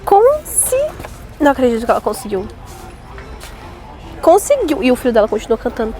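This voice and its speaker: A woman filming a casual vlog on her phone in a supermarket aisle, talking excitedly with playful mock alarm. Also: a little high, a little fast, soft background music. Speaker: mother filming a family outing. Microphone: handheld phone camera. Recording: noisy store ambience.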